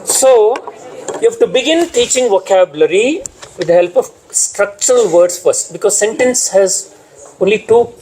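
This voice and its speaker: A man's voice: high voice, expressive, moderate pace, darkish tone, a little hiss or hum, low-quality recording. A man with an Indian English accent training teachers in a classroom lecture, repeating key terms and quizzing the room.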